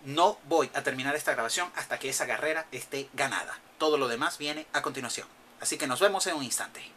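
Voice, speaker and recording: A man giving live commentary over a video game, excitedly cheering himself on and swearing as he plays. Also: medium pitch, a little fast, a little hiss or hum, low-quality recording. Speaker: gameplay commentator. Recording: loud game music behind the voice. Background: loud video game music.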